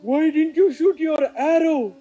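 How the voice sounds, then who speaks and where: A man's voice: very high voice, unhurried, mellow. A man voicing Sugriva, an anxious exiled monkey prince, telling his story in rhyming verse and pleading fretfully. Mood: distressed.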